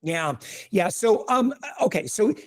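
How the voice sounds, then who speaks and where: A man speaking as a podcast guest, giving energetic, coaching business advice with quick asides and restarts. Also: high voice, no room sound. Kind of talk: casual podcast conversation.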